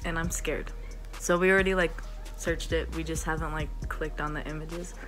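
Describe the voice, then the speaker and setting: Giggly teenage girl, bright voice. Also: low voice, steady tone, normal speed, faint music behind. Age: teens. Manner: giggly, easily spooked, shrieks and laughs at shocking things. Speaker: vlogger. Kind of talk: casual reaction vlog.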